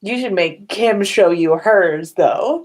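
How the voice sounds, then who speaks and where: A woman runs a casual podcast livestream from her home, talking informally with her audience in a medium-pitched, slow voice. She's chatty and relaxed, with swearing and giggles sprinkled throughout.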